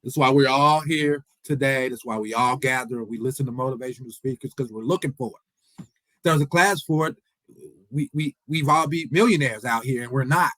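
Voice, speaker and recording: A man's voice: medium pitch, a little fast, a bit bright, no room sound, poor audio. A man in his forties giving an earnest motivational speech, repeating his points and imploring the audience. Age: 40s. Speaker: motivational speaker. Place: event hall.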